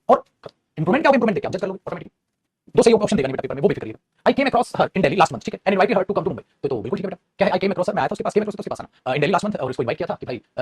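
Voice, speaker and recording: A man teaching English grammar in a fast classroom style, repeating phrases and calling students "beta". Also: high voice, slightly rough.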